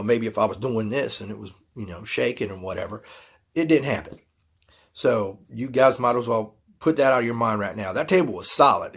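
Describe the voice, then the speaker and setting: A man's voice: mid-range voice, creaky, husky. A man telling a personal story to camera in a folksy, rambling way, acting out his own reactions. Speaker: YouTube channel host.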